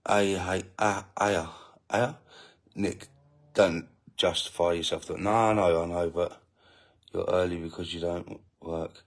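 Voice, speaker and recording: A deep-voiced man talks through a casual live stream. He greets viewers from their comments, stops and restarts his sentences, and slips into indignant asides, all while he feeds his baby. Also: fairly even intonation, unhurried. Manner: rambling, self-interrupting, indignant asides. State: feeding a baby while talking. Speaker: family channel host reading live comments.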